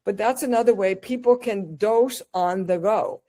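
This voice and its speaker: A woman giving an energetic, chatty lecture over slides on cannabis wellness, asking her audience questions and acting out little scenes. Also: medium pitch, normal speed, low-quality recording.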